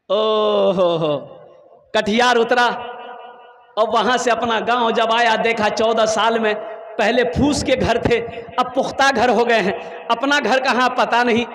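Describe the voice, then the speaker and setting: A man's voice: extremely high pitch, fairly bright tone, big-room sound. A man preaching a sermon, telling an emotional story and calling on the crowd to answer his questions. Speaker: Islamic preacher.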